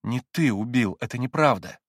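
A man voicing a gentle, compassionate young man in an audiobook, earnest and pleading, with a husky voice. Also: mid-range voice, animated, normal speed, no room sound, studio quality.

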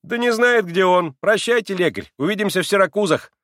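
A man reading aloud and voicing an insolent teenage schoolboy who snaps loudly and mockingly. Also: high voice, lively intonation, a little fast, no echo, clean studio sound, voice pushed up. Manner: sharp, loud, mocking.

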